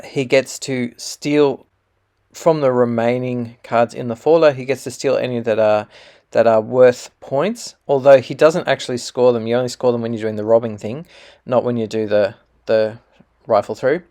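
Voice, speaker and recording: Male game teacher, gravelly voice, patient and explanatory, thinks aloud as he plays. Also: mid-range voice, darkish tone. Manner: patient, explanatory, with fillers and self-corrections.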